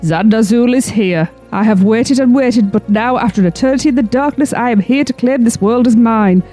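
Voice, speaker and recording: A woman voicing an ancient female demon who has taken over a wife's body, speaking in a slow, menacing voice. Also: warm tone, soft background music, natural voice. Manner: slow, menacing, low and grand. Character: ancient female demon possessing a wife, gloating.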